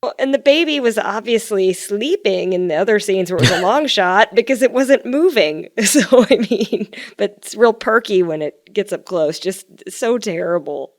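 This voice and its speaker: A woman's voice: mid-range voice, lively intonation, moderate pace. A woman co-hosting a podcast, chatting casually and scoffing in exasperation. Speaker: podcast co-host. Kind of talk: casual chat.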